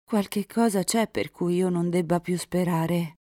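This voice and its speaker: A woman's voice: measured pace, dark tone, dry recording, clean studio sound, lightly acted. A woman reading aloud, voicing a tender young woman in love who pleads earnestly. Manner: earnest, emotional, rising pitch.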